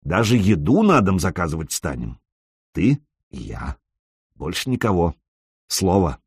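A man reading an audiobook, voicing Sanek, a calm and confident young man who speaks softly and reassuringly, sometimes in low murmurs. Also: a little slow, breathy edge, dry recording, studio quality, heavily acted. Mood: playful.

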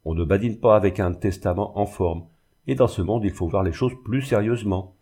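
A man's voice: on the low side, a little fast, mellow, slightly rough. A man doing a pompous fussy old notary. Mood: scolding. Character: fussy, pompous older male village notary.

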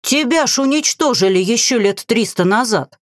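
In a dry, studio-quality recording, a woman voices a cowardly crow familiar, pitching her natural voice higher than her own. The delivery is expressive and at normal speed, rueful in mood, nervous and reproachful in manner.

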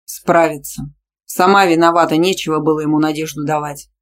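A woman's voice: deep voice, fairly even intonation, a little fast, natural voice. Woman reading a curt, threatening possessive man. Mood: stern. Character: possessive, domineering young male gym teacher.

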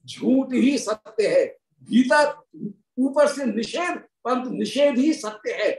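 A woman giving a devotional scripture discourse, telling the story in an animated, dramatic way and reciting verses. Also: high-pitched, slow. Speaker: devotional speaker. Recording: roomy, distant mic.

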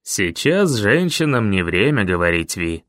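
A stern older town leader, calm and unhurried, weighing every word, as a man voices him in an audiobook. The voice sits lower and slower than the narration, close and dry. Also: no echo. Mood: grave. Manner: measured, grave.

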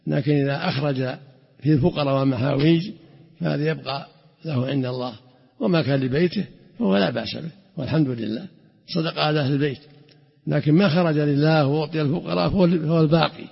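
Gravelly, husky man teaching religion. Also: on the high side, fast. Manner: emphatic, repeats and restarts words. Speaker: scholar explaining hadith. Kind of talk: religious lesson commentary. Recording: dull lo-fi recording in a reverberant hall.

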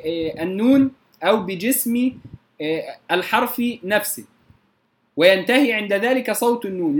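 High-voiced male tajweed teacher. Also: fairly bright tone. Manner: explains rules and models slow recitation examples, asks students if clear. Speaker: Quran recitation teacher. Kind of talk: tajweed lesson.

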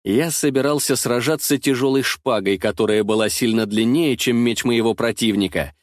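Speaking at a moderate pace in a medium-pitched voice, a man brings a first-person historical adventure audiobook to life with expressive storytelling. The close studio mic picks up no echo.

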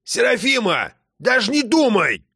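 A man voicing a quarrelsome old grandfather with a gruff manner. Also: extremely high pitch, wildly swooping pitch, a little slow, pushed and bright, dry recording, studio quality, pitched above the performer's own voice, heavily acted. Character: grumpy old grandfather, former partisan.

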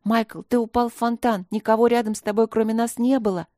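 A woman's voice: fairly high pitch, fairly even intonation, brisk, mellow, dry recording, studio quality, voice pushed up, close to an everyday voice. Woman voicing a frightened fairy girl. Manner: scared, urgent.

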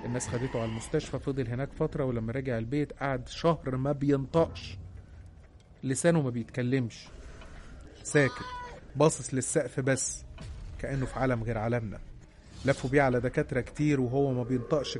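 Fast-talking Egyptian man narrating horror. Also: medium pitch, a little hiss or hum. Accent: Egyptian Arabic. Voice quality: hushed, suspenseful delivery. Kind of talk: dramatic horror storytelling. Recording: narration over clear background music. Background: background music.

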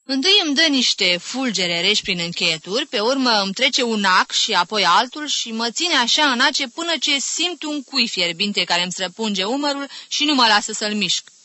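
A woman's voice: a little high, lively intonation, hardly any pauses, pushed and bright, no echo, voice pushed up. A woman voicing an elderly complaining aunt who exaggerates her aches with theatrical groans. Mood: plaintive. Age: older. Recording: dry close studio reading.

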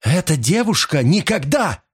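A woman's voice: rumbling low, lively intonation, slow, darkish tone, pitched above the performer's own voice, exaggerated voice. A man voicing a proud, fierce young woman, speaking defiantly in an audiobook. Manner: defiant, insistent.

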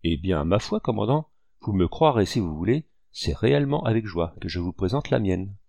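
A man's voice: lowish voice, big pitch swings, moderate pace, vocal fry, darkish tone, no room sound, full character voice. A man reading a novel aloud and voicing a blunt, good-natured hunter who speaks jovially. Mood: bluff. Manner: bluff, jovial. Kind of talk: audiobook reading.

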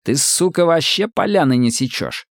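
A man's voice: fairly high pitch, lively intonation, normal speed, dry recording, studio quality, voice pushed up. Man doing a barking contemptuous army bully. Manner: barking, coarse slang, contemptuous. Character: young male army bully, swaggering, coarse, contemptuous.

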